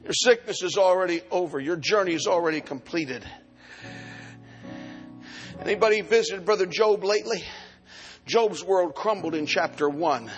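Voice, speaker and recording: A man in his sixties, serving as pastor, preaches a live sermon in a high-pitched voice at normal speed, pausing often. His rhythmic repeated phrases swell into chanted shouting. The sound carries long hall reverb with faint music behind.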